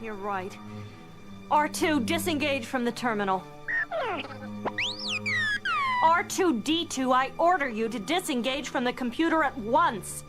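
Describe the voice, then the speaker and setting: An actress playing a commanding, decisive young rebel princess in a space opera audio drama, speaking with urgency. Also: female voice, sits high, lively intonation, moderate pace, over loud music.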